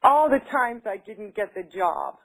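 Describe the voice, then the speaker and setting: A woman in a tapping session speaks in a mid-range, sing-song, creaky voice at a slightly slow pace, with slight background noise. She repeats affirmations back, then slips into casual talk where she is hesitant and uses many fillers.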